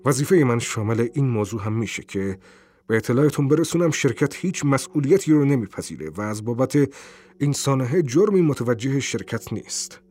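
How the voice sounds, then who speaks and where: A man's voice: mid-range voice, expressive, a little mellow, natural voice. A man playing a hesitant, formal messenger. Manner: hesitant, formal, with many drawn-out ums.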